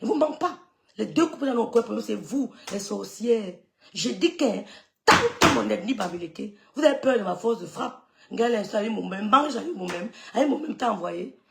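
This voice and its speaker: A woman's voice: medium pitch, expressive, fairly quick, creaky, background noise. A middle-aged woman, ranting scornfully on a live stream and scolding people she accuses of stirring up trouble. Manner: scolding, scornful, repeats dismissive sucks of the teeth. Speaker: social media gossip streamer. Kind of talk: heated live-stream rant.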